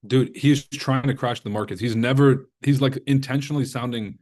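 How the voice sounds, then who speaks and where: A male stream host with an average-pitched voice reacts live in casual slang. He heckles sarcastically as he comments, like someone talking freely to followers of a trading stream. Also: fairly even intonation, normal speed, darkish tone.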